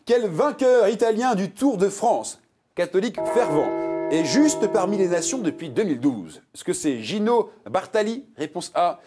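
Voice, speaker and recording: Male game show host, animated, slightly high voice, jokey delivery, faint music behind. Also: moderate pace. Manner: playful, jokey, reads multiple-choice answers with lively emphasis.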